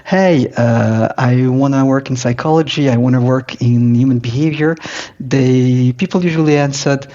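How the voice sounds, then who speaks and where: Male podcast guest from Morocco, mid-pitched, hesitant with lots of fillers, on slightly muffled audio. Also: warm tone. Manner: hesitant, many filler pauses. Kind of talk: casual interview talk.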